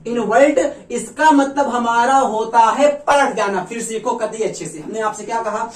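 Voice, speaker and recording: A woman teaching English to a room of students, with a fairly high voice. She drills each point again and again and coaxes the class along, calling them "child". She sounds far from the mic, in a room that echoes. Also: moderate pace. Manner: repetitive, coaxing, calls students "child". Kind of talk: classroom lecture.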